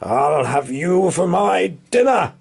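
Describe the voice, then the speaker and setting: A man plays an angry storybook farmer out to catch a thief. The voice jumps high and loud, threatening and growling, with menace in every word. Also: big pitch swings, takes it slowly, creaky, breathy edge, full character voice. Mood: menacing growl. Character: angry menacing male farmer chasing a thieving rabbit. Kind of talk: storybook character voice.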